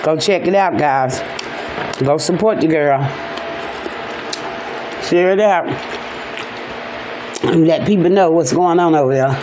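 Slow-talking man chewing while he talks. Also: a little high. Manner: relaxed, unhurried, talks between bites. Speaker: mukbang vlogger. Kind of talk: casual chat while eating. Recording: noisy home recording.

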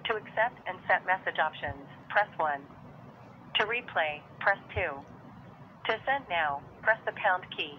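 A woman's recorded voicemail menu voice, heard over a landline phone, giving even, measured instructions. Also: lowish voice. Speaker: automated voicemail prompt. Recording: tinny phone line with faint hiss.

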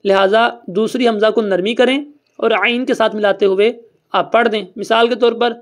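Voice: mid-range voice, steady tone. A recitation teacher giving a classroom lesson who explains step by step in a plain, conversational way and keeps quizzing students to repeat answers back. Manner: patient, quizzes students and has them repeat. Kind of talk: classroom lesson with call-and-response.

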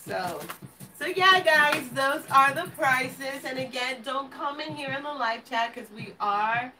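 In her indoor home kitchen, a Los Angeles video channel host of around thirty, with an American accent, chats casually with livestream viewers. Her high-pitched, expressive voice has a sharp tone and a measured pace. Recorded on a camera a few feet off, the sound is roomy and distant, with music behind and a little hiss or hum.

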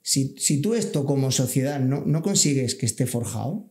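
A man's voice: medium pitch, expressive, normal speed, a little mellow, reverberant. A man, a civil guard officer talking earnestly in a casual podcast, backing his points with everyday examples.

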